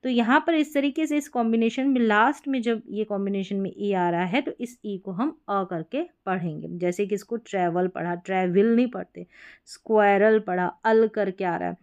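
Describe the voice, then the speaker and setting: A woman teaching English spelling and pronunciation rules, patiently repeating each word slowly and asking her learners questions as she goes. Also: medium pitch, clear, resonant tone, muffled recording. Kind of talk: explaining spelling rules from a board.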